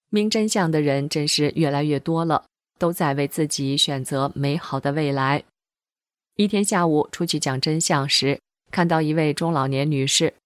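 A woman reads a first-person testimony in a low, steady voice. The delivery is even and scripted, and the recording is dry and close, with no room sound. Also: no echo.

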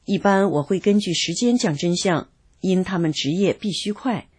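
An older woman calmly reading aloud a first-person account of her own experiences. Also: fairly low pitch, normal speed, slightly rough. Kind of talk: read-aloud personal testimony.

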